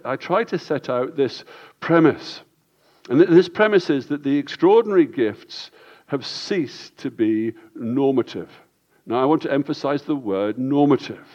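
A man preaching a sermon as pastor, earnest and deliberate, often restarting and repeating his words. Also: on the high side, dull audio.

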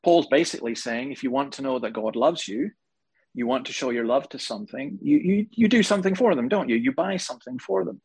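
A man preaching a sermon to a congregation, telling stories with humor and animated emphasis. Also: medium pitch, brisk, vocal fry, breathy edge, rough recording. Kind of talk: sermon with storytelling. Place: church hall before a live congregation.

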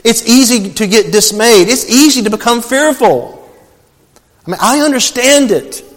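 A man's voice: very high-pitched, expressive, normal speed, long reverb tail. A male pastor preaching a sermon, telling a personal story earnestly and calling his listeners beloved.

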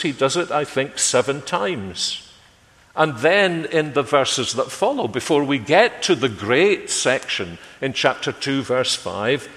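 A man preaching a sermon in a measured way, letting his phrases fall away quietly at their ends. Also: a little high. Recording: long hall reverb.

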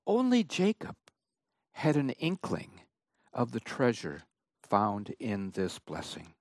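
A man preaching a sermon, reading and explaining scripture in a slow, emphatic way. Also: mid-range voice, huge pitch swings, no room sound, clean studio sound. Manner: slow, emphatic Bible exposition.

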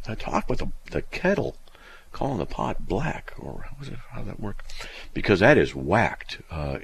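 A man's voice: sits low, gravelly. A man hosting a radio call-in show, reading listener mail aloud and answering it with sarcastic, exasperated commentary.

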